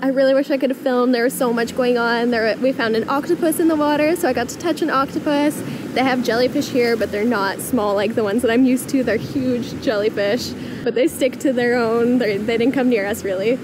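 A woman's voice: fairly high pitch, steady tone, brisk, background noise. A woman in her twenties chatting casually to a camera at arm's length outdoors on a beach. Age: 20s. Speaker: vlogger. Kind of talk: casual travel vlog.

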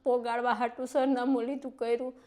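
A woman pleads for help in an interview, high-pitched and tearful at times. Her voice stays on a narrow, flat line of pitch. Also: brisk. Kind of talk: emotional plea in an interview.

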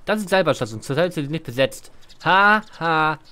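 A man's voice: fairly high pitch, animated, fairly quick, pushed and bright, a little hiss or hum. Playful man doing game commentary. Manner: playful, reads game text aloud and jokes. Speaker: let's play host. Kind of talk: casual gameplay commentary. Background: faint game music.

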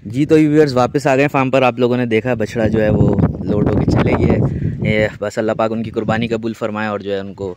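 Walking around an outdoor cattle farm, a man with a Pakistani Urdu accent chats casually to his viewers in a phone-filmed vlog, addressing them directly with many fillers. His voice is on the low side, steady and fairly quick, against heavy background noise.

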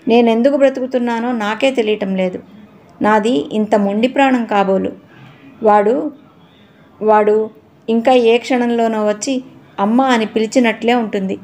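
A middle-aged mother, broken by grief, speaks through tears and pleads softly, as a woman narrator puts her on. Her voice sits fairly high. It is a spoken storybook reading. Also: normal speed, pauses often, lightly acted. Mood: grief-stricken. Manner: tearful, pleading.

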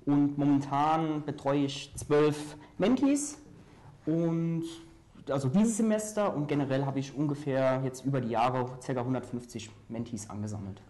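A young man from Saarland, a student mentor, explaining calmly as a guest in a studio interview. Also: mid-range voice, moderate pace. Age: young adult. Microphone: lapel mic.

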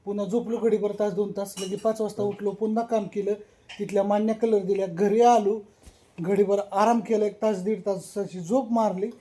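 Chatty high-voiced Maharashtrian village man. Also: steady tone, normal speed, mellow. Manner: chatty, loose rambling delivery with frequent fillers. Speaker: vlogger. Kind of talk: casual chat to camera.

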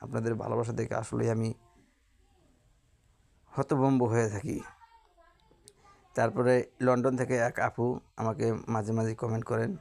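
Earnest creaky-voiced Bangladeshi woman. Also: a bass voice, flat delivery. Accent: Bangladeshi Bengali. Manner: slow, earnest, warmly blessing each commenter by name. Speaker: lifestyle vlogger. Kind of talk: casual reading out and thanking viewer comments.

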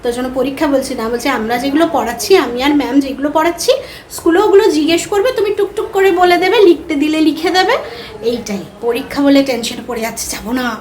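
A woman's voice: sits high, fast, darkish tone, rough recording. A woman in her thirties with a Bengali accent, chatting casually to viewers while doing chores at home. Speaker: vlogger, mother. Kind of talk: casual home vlog narration. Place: home, kitchen and rooms.

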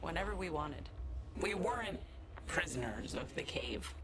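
A woman's voice: sits low, very animated, measured pace, crowd noise, full character voice. A woman voicing a bitter, desperate female ghost in a video game, delivered in an intense, brooding, dramatic way. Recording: loud music under the voice.

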